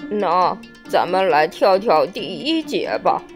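A woman voicing a sad, slow-talking male mock turtle in a children's storybook reading, with soft music behind. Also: lowish voice, very animated, voice pushed down. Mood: mournful. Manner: slow and mournful.

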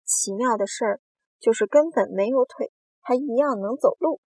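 A woman voicing a grumpy, indignant male earthworm in a storybook reading, complaining in a shrill voice. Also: normal speed, a little mellow, husky, no room sound.

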